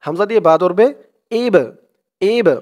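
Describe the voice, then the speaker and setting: A man teaching Quran reading, slowly spelling out each syllable and then reciting the verse melodically. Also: sits high, a little mellow.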